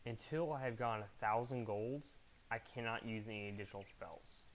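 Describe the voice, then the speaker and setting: A man's voice: fairly low pitch, a little fast, slight background noise, low-quality recording. A man giving casual commentary as he hosts his own video game challenge run. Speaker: gamer, challenge-run host.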